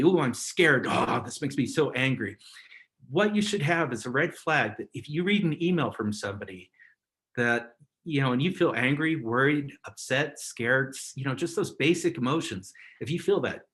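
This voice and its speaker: A man's voice: mid-range voice, a bit bright. Chatty man giving a webinar. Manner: chatty, rambling, chuckles often. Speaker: webinar presenter. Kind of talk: casual instructional talk.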